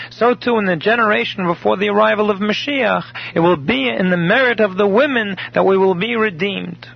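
Gravelly husky male Torah teacher. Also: high voice. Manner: measured storytelling, with Hebrew terms glossed in English. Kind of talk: recorded daily study class. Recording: dull lo-fi recording.

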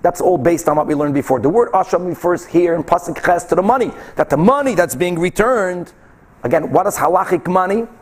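In a brisk, animated, high voice, a Talmud teacher reads from the text aloud and explains it as he goes. He poses questions, answers them himself and repeats key phrases for emphasis throughout the lesson.

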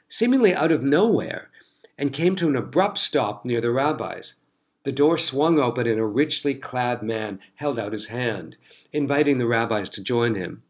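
A man narrating a story in a measured, scripted storytelling delivery. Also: mid-range voice.

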